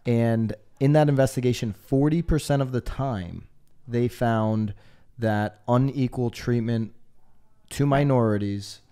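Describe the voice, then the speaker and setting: Smooth, mellow-voiced male podcast host. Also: mid-range voice. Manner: energetic, presents statistics in a chatty way. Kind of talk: casual podcast chat.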